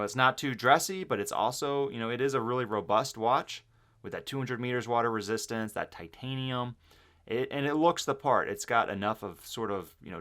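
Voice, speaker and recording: A man's voice: on the low side, sharp tone. A man casually unboxing and reviewing a watch, chatty and enthusiastic, thinking aloud with fillers.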